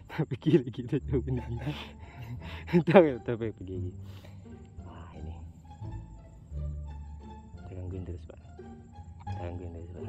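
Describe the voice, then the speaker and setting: Outdoors with background music playing, a man vlogs while flying a drone, keeping up playful, teasing running commentary broken by bursts of loud, high shouting. Otherwise his tone stays steady, his pace is slow, and he leaves long pauses.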